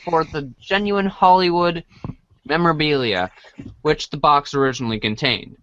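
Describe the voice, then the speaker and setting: This man has a mid-range, fairly bright voice and narrates a comic as a read-along storybook, informally stumbling over the words. The audio has no room sound and is dry, dull and band-limited.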